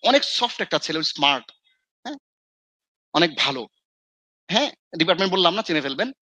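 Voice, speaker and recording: A man's voice: on the high side, sing-song, fairly quick, sharp tone, no room sound. A man from Bangladesh, mentoring students in casual talk, who acts out his scolding and mixes in English phrases. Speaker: Islamic scholar and mentor.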